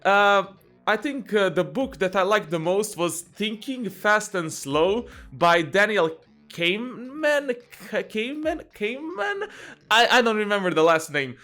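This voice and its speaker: High-voiced joking young man. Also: sing-song, unhurried, bright, forceful tone. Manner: jokey, laughs often, many fillers and restarts. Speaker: channel host and game coach. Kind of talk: casual Q&A vlog.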